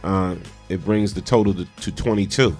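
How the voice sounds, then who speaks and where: Low-voiced man, casual morning radio banter. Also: moderate pace, darkish tone. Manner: colloquial, emphatic repetition. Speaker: morning radio show co-host. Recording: music playing behind. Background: music.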